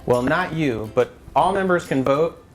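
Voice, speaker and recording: A man's voice: on the high side, animated, a little slow, faint music behind. A man presenting an explainer in a patient, conversational teaching manner. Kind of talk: semi-scripted explanatory dialogue.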